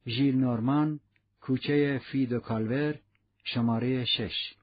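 A man's voice: mid-range voice, fairly even intonation, close to an everyday voice. A man voicing a stern, cold police inspector who speaks in curt, clipped questions. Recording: muffled lo-fi recording.

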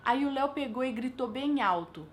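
High-voiced Brazilian woman telling a ghost story. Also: expressive, normal speed. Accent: Brazilian Portuguese. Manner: chatty, musing aloud with rhetorical questions. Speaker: channel host telling viewers' paranormal stories. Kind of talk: casual storytelling.

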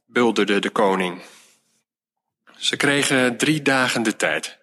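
A man narrating a storybook tale in a slow, measured reading voice. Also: medium pitch, pushed and bright. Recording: long hall reverb.

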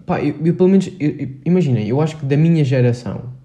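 Portuguese teen rambling on his podcast, super dark mellow tone, lots of filler. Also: a little high, expressive, fast, highs cut off. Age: teens. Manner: rambling, hesitant, slangy with frequent "pá" and English words. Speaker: podcast host. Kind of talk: casual solo podcast monologue.

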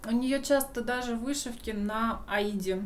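A woman embroiderer and shop owner appears as a podcast guest, chatting casually in a slightly high, slightly slow voice. She is a lively storyteller who laughs often, with a little hiss or hum in the recording.

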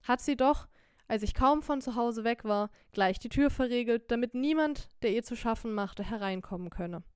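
A woman voicing a soft-spoken, trusting poor husband. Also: a little high, moderate pace, clear, resonant tone, dry recording, clean studio sound, close to an everyday voice. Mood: pious. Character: poor trusting husband, a humble pious mason. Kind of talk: audiobook character voice.

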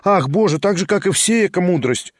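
For an audiobook, a male reader voices an impulsive young woman who blushes easily and is eager to talk, pitching noticeably higher and tumbling into excited, rushing, emotional exclamations. The recording is dry and close with no echo.

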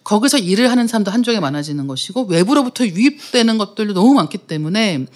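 A woman co-hosting a book talk show, explaining a book's points in a clear, engaged way. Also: medium pitch, expressive, quick pace, a little mellow. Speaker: podcast co-host. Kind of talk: casual talk-show chat.

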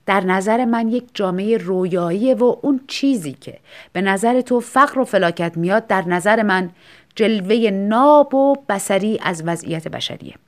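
A woman voicing a calm, teasing painter. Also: medium pitch, natural voice. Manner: unhurried, teasing. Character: calm, amused male painter, self-assured.

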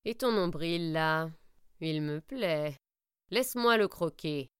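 A woman voicing a cold, greedy wolf in a storybook reading, speaking low, slow and menacing. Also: expressive, smooth, no room sound, studio quality.

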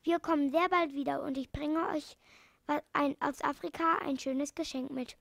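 A gentle, kindly old animal doctor from a children's storybook, speaking in a soothing tone, as a woman reads him aloud. The voice sits high and carries a gravelly edge, close and dry. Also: fairly even intonation, moderate pace, dry recording.

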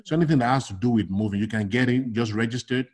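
Speaking at a racing clip with a husky, medium-pitched voice, this middle-aged Nigerian man works as a logistics consultant. He's animated in a casual interview, often restarting and dropping "you know."

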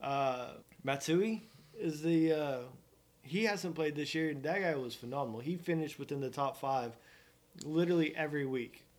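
A man's voice: on the high side, normal speed. A man from Oklahoma co-hosting a casual golf podcast, rambling and joking at his own expense. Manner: joking, rambling, self-mocking. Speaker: podcast co-host. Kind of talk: casual sports chat.

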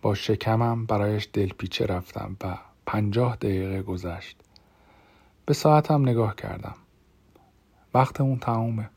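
A man narrating a first-person audiobook in a measured, dramatic way, sometimes dropping to a hush. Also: fairly low pitch, gravelly, breathy edge.

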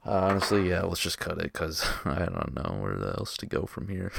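A young man hosting a casual podcast, excitable and joking, swearing freely as he argues with a friend. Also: deep voice, moderate pace, creaky, husky, no echo, clean studio sound. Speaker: podcast host. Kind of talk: casual argumentative chat.

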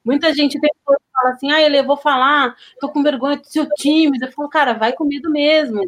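Woman, Brazilian accent, high voice, enthusiastic, expressive host. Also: fairly quick. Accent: Brazilian Portuguese. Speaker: podcast host. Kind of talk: casual interview chat.

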